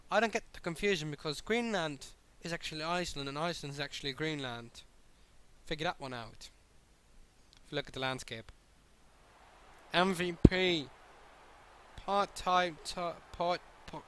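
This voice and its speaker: Bright, high-voiced excitable male streamer. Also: normal speed, slight background noise. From continental Europe, outside the British Isles. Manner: excitable, joking, swearing freely. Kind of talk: live gameplay commentary and chat replies.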